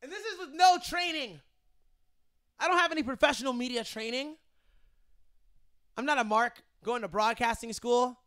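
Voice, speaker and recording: A man's voice: very high-pitched, normal speed, long pauses, pushed and bright, clean tone. A young man co-hosting a podcast in casual banter, joking and laughing often. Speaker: podcast co-host.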